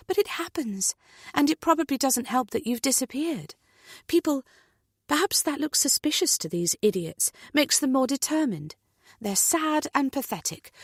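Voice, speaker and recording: A woman voicing a brisk, upbeat female friend who speaks firmly and emphatically. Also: fairly high pitch, no room sound, clean studio sound, pitched above the performer's own voice. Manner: firm, emphatic.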